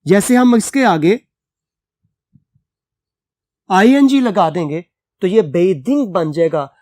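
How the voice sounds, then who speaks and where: An English teacher who reads a text aloud slowly, explains it at length and spells words out letter by letter. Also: mid-range voice, expressive, a little mellow, no room sound.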